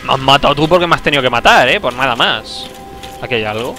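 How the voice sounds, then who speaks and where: A man's voice: medium pitch, lively intonation, quick pace, sharp tone. A young man, casually commenting on a game he is playing, joking and bursting out. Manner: chatty, joking, talking to himself, sudden outbursts. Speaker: streamer. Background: game music.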